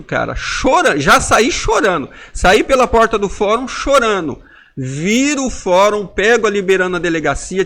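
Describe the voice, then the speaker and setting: Guest, man in his 40s, gravelly, slightly high voice; heartfelt testimony, acts out the inner dialogues. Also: a bit bright. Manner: intense storytelling, acting out inner dialogues. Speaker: podcast guest. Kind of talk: emotional personal testimony.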